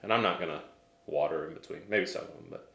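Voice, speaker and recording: A man's voice: deep voice, quick pace, fairly bright tone, roomy sound. An American man chatting casually as he reviews a tasting, hesitant and thinking aloud. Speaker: whiskey reviewer.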